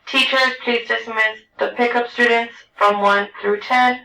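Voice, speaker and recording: A woman making a loud school announcement over the intercom to teachers, repeating her instruction. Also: on the high side, steady tone, a little slow. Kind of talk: public address announcement. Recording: distant echoey intercom with background noise.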